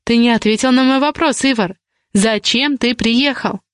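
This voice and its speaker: A woman's voice: on the high side, clean tone, no echo, studio quality, close to an everyday voice. Woman voicing a defiant indignant young woman. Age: young adult. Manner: indignant, rapid questioning.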